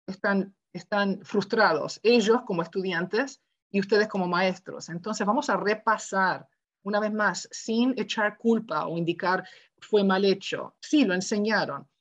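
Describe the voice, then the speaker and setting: Woman, lecturer, conversational, asks "¿verdad?" often, muffled lo-fi sound. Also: mid-range voice. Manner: acts out quoted dialogue in her stories. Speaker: university education lecturer. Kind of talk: lecture given online.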